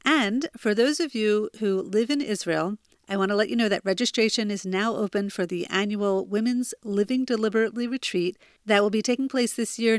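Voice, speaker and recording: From her childhood bedroom, an American woman in her forties from New Jersey hosts a self-help podcast, sounding earnest, confiding and chatty. Her mid-range voice is smooth, recorded dry at studio quality.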